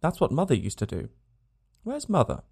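Man doing little girl about five, high childish voice, innocent, earnest, folksy grammar, bit of gravel. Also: wildly swooping pitch, moderate pace, a little mellow, full character voice.

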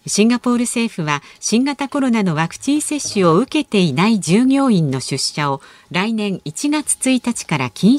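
A woman announcer in a dry, close studio sound. She reads news and chats in a lively voice that rises and falls, brisk and gently teasing as she moves the show along. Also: mid-range voice, no echo. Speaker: radio announcer and co-host. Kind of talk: radio announcing and chat. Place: radio studio.

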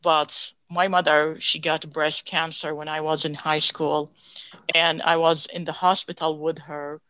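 A woman's voice: sits low, pushed and bright, no echo. A woman from Iraq with an Iraqi Arabic accent, a physician speaking earnestly in an interview with small restarts and non-native grammar. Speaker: guest, physician. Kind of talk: reading and interview answers.

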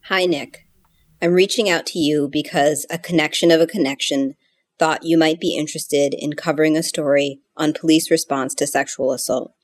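A woman being interviewed for a documentary whose voice has been disguised to sound deep, speaking in a measured, halting way. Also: fairly even intonation. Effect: voice disguised, pitched deep.

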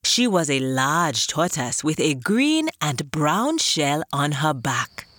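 Animated, unhurried woman telling children's stories. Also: low-pitched. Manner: playful, exclaiming, addresses little listeners like a children's entertainer. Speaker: children's story show host. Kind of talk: animated children's storytelling, scripted narration.

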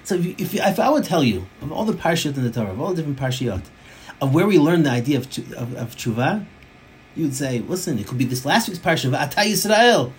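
A man giving a Torah class from his home office, talking in an animated way, restarting phrases and mixing in Hebrew terms. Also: medium pitch, fast, poor audio.

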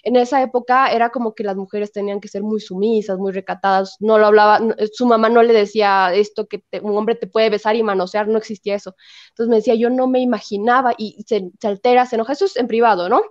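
A woman's voice: mid-range voice, steady tone, quick pace, dull audio. A woman, a guest telling a story emphatically and acting out the quotes she repeats. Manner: emphatic, voices quotes expressively. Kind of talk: animated storytelling in interview.

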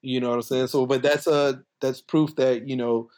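A man from talks as a podcast guest in a medium-pitched voice. His delivery is casual and colloquial, explaining as he goes with plenty of conversational filler. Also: fairly even intonation, moderate pace, darkish tone. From coastal South Carolina, US. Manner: conversational, colloquial, frequent "like" and "you know". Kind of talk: casual explanatory interview talk.

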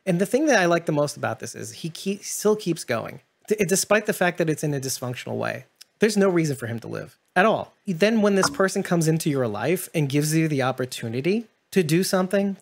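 A man hosting a casual TV discussion, reflective and musing, often restarting his sentences. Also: on the high side. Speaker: podcast host.

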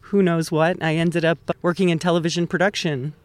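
A woman's voice: fairly low pitch, flat delivery, fairly quick, dry recording. Upbeat middle-aged woman from Hawaii. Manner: chatty and upbeat, thinking aloud. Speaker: guest, town council member. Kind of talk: casual interview talk. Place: outdoors under a tree at a mountain base.

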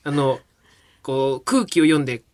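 Woman, low lively voice, quick replies, dry close sound. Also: no echo. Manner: short backchannel replies, asks follow-up questions. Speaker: podcast co-host. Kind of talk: casual chat.

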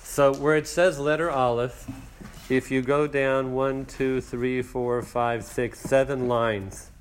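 A man leads a classroom study session in a mid-range voice, pausing to translate phrases and count down lines for his students. A faint noise sits under the recording. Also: medium pitch, steady tone. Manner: explains slowly, translating and counting lines aloud. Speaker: Torah class teacher. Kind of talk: teaching a text class.

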